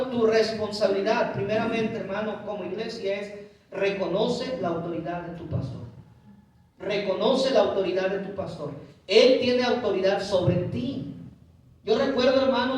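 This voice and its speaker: A man's voice: high voice, very echoey, recorded from a distance, poor audio. A man preaching a sermon as a guest pastor, emphatic and often calling his listeners brothers. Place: church hall.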